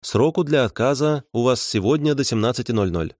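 A man's voice: medium pitch, animated, brisk, darkish tone, no echo, studio quality, pitched above the performer's own voice, lightly acted. A man voicing a prim, officious female call-centre operator.

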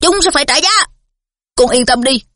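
A bellowing, hot-tempered middle-aged father from a storybook, put on by a woman reader. He roars threats in a raised, strained voice that stays pitched high. The recording is close and dry. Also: animated, moderate pace, sharp tone, dry recording. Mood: angry.

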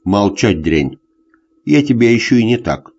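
A man puts on a tipsy, jealous husband, bullying and full of threats, his low voice hollow and tearful and swinging wildly in pitch. The sound is a dull, lo-fi audiobook recording. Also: big pitch swings, a little slow, a little mellow, full character voice. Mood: enraged. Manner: hoarse tearful bullying rants. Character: drunk jealous husband, middle-aged, bullying.

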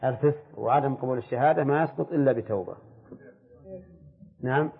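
An older man, a sheikh teaching a jurisprudence class, who explains slowly and keeps putting questions to his students. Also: medium pitch, vocal fry, noisy background. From Saudi Arabia. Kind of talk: classroom lecture on fiqh. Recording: tinny, echoey old lecture tape.

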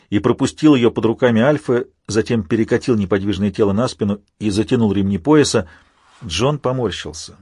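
A man narrating an audiobook in an even, measured reading. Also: mid-range voice, slightly rough, no echo, clean studio sound. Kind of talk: scripted narration.

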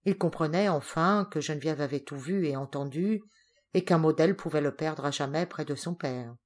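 Woman narrator, audiobook, fairly low voice, dramatic reading. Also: normal speed, darkish tone. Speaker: audiobook reader. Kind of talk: scripted narration.

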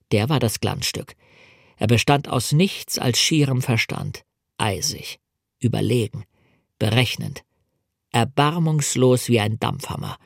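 A man reads a novel aloud in a measured, dramatic first-person style. His voice sits in a middle range for a man. The studio recording is dry and close, with no room sound. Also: mid-range voice, vocal fry, slightly rough, no echo. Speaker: audiobook reader. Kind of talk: scripted audiobook narration.

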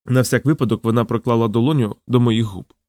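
A man's voice: medium pitch, fairly even intonation, quick pace, darkish tone, no room sound. Man narrating an audiobook, dry studio sound.

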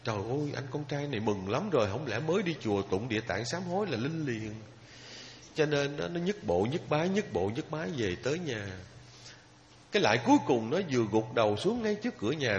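A man giving a Buddhist dharma talk as a sermon, telling a story with emotion and pausing at length as he speaks straight to his listeners. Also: fairly high pitch. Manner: emotional storytelling, drawn-out pauses, addresses listeners directly. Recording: lo-fi recording with long hall reverb, faint noise.

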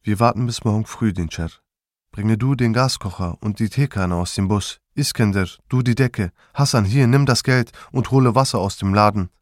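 Brisk, commanding mother in a story reading, read by a man. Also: lowish voice, no echo, clean studio sound, close to an everyday voice. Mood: firm. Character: firm, practical middle-aged mother giving orders.

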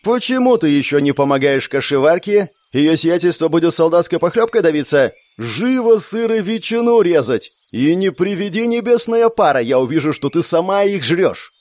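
A man's voice: medium pitch, big pitch swings, fairly quick, darkish tone, dry recording. A man voicing a fierce scarred woman sergeant who barks insults and orders in an audiobook. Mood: furious yelling.

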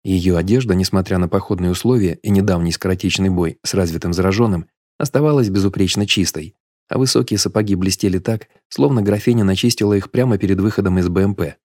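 A man narrating an audiobook in a steady, measured storytelling manner. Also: low-pitched, dry recording, clean studio sound.

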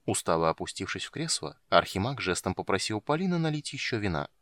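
A man with a lowish voice reads fantasy narration in a steady, measured way. The sound is close and dry, with no room echo. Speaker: audiobook narrator.

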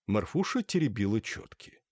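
A man reading a novel aloud in a lively, expressive way. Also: fairly low pitch, moderate pace, husky, dry recording, clean studio sound. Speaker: audiobook reader. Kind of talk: scripted narration.

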